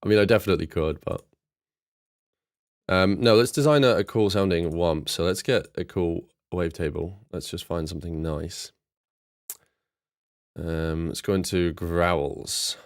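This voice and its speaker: A man's voice: deep voice, measured pace, long pauses, dry recording. A man producing music on a live stream, chatting casually with viewers and joking with dry sarcasm. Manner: dry sarcastic, laid-back, chats to viewers while working.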